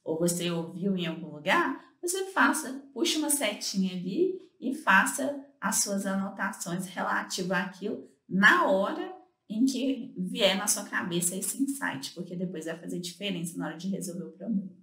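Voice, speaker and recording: A woman co-host talks through study tips in a relaxed, explanatory way, her voice rising and falling with a lot of movement. She leans on little fillers as she goes. The sound rings a bit in an echoey room. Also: medium pitch, normal speed. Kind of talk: casual instructional talk.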